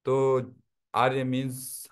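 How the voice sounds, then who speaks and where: A man speaks slowly in a flat, monotone mid-range voice while teaching Tibetan script online. He breaks the material into steps and frequently checks that listeners understand.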